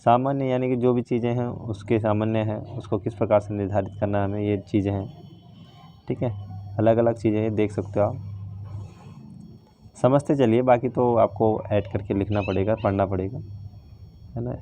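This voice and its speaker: A man's voice: fairly low pitch, steady tone, moderate pace, pauses often, dark tone, a little hiss or hum. A male teacher walking students through a practical file in a casual, informal way, often checking in with "theek hai". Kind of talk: casual lesson walkthrough.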